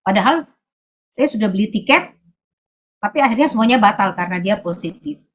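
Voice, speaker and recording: A woman from Sulawesi giving a personal testimony at church, often pausing to search for her words. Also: medium pitch, lively intonation.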